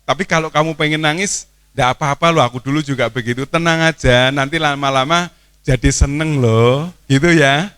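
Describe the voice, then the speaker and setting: A man's voice: fairly high pitch, moderate pace, fairly bright tone, smooth, dry recording. Playful man teacher. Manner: playful, coaxing, asks the crowd questions. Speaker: teacher addressing students. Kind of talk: lively speech to children at an opening event. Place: boarding school hall.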